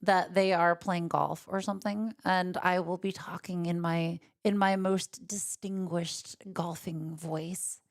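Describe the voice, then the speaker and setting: A woman commentates a card game tournament with a lower voice than most. She talks casually, with plenty of fillers and jokes. She is recorded in an empty gaming room. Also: steady tone, slow pace, few pauses. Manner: chatty, filler-heavy, jokey.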